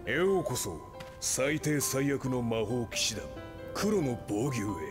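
An actor playing a gruff, domineering adult squad captain who gives rough, blunt commands, heard as game cutscene audio. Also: male voice, mid-range voice, very animated, slow pace. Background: game music.

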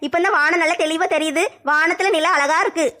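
Woman playing a prankster granny, fast scolding banter, squeaky high. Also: fairly even intonation, bright, forceful tone. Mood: teasing. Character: teasing old grandmother, prankster.

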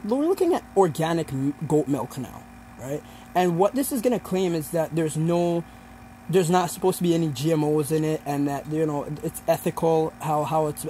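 In a rough recording with a little hiss or hum, a young man presents informally to explain a topic as a student. His voice is a little high and mellow, and he sounds hesitant, working out his points as he speaks.

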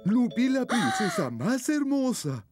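A woman's voice: high-pitched, big pitch swings, takes it slowly, full character voice. A woman voicing a small friendly young animal in a children's cartoon. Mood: cheerful. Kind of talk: children's cartoon dub acting. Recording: children's music behind the voice.

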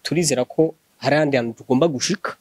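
A young man from Burundi, leader of a gospel group, answering interview questions in an earnest, measured way. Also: medium pitch, no room sound.

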